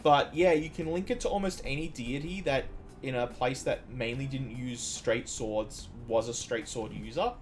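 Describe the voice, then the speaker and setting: A man's voice: medium pitch, moderate pace, soft background music. A man from Iceland streaming a game, chatting casually and drifting into long trivia asides with frequent restarts. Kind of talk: casual gameplay commentary.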